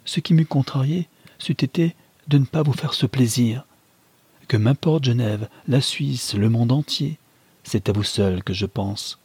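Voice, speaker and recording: A man's voice: medium pitch, unhurried, a little mellow, breathy edge, no echo. A man reading an audiobook, voicing a methodical young husband who speaks fervently about his devotion to his wife.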